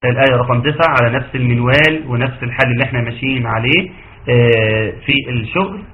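A man with an Egyptian Arabic accent teaching Quran recitation rules, asking the class rhetorical questions and modeling verses slowly. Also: mid-range voice. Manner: quizzes listeners with rhetorical questions. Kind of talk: tajweed lesson correcting students. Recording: dull lo-fi audio, faint background noise.

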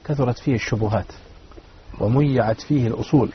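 Fast-talking man in formal standard Arabic. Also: medium pitch. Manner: formal standard Arabic, preacherly, addresses listeners as brothers. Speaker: religious panel speaker. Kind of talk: religious panel discussion in formal standard Arabic. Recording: dull, noisy radio-like sound.

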